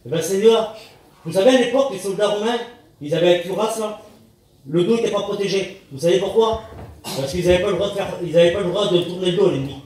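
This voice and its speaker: High-voiced preacher in a booming hall. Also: male voice, darkish tone. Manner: plain-spoken, repetitive, halting restarts, calls out to the Lord. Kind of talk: sermon. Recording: echoey hall, speaker far from mic.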